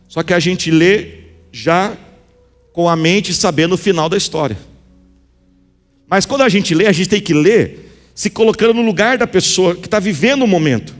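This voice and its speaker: A male pastor with a Brazilian Portuguese accent preaching a sermon, emphatic and speaking straight to the congregation. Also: high-pitched. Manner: emphatic, addresses the congregation directly. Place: church sanctuary. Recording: reverberant church hall with music.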